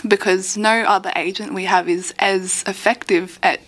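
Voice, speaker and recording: This is a woman speaking as a research guest on radio. Her pitch is average for a woman. She explains technical material conversationally from a studio. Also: fairly even intonation, normal speed, a bit bright, rough recording. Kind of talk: explanatory interview talk.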